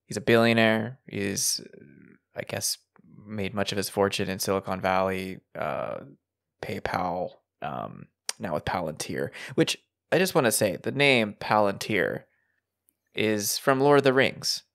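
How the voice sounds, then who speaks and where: A man's voice: lowish voice, animated, a little slow, vocal fry, a bit bright. A man hosting a podcast interview, talking loosely and chattily with lots of filler words. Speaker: podcast host. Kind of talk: casual interview talk.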